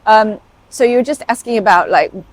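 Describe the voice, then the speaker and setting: In this casual interview, the guest is a British-accented woman, a paediatric emergency consultant raised in Saudi Arabia. She speaks freely at a moderate pace in a mid-range voice, chatty and talkative with many fillers and asides. The audio is poor, though without echo.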